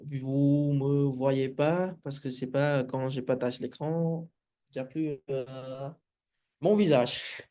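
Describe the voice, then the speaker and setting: A man who is not a native French speaker, with a foreign accent in French, teaches a live coding lesson haltingly, often searching for words. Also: mid-range voice, mellow. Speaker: programming instructor.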